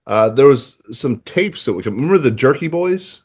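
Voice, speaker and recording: A man co-hosting a sports podcast, who tells stories in a lively, chatty way. His pitch swings widely and he leans on filler words. It sounds like easygoing talk between friends. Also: normal speed. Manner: animated storyteller, many "like" fillers. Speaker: podcast co-host. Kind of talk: casual sports chat.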